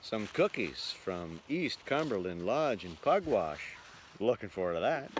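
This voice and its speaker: Outdoors on a camping tour, a male travel vlogger narrates casually to the camera in a lowish, sing-song, unhurried voice. Noisy outdoor ambience fills the recording.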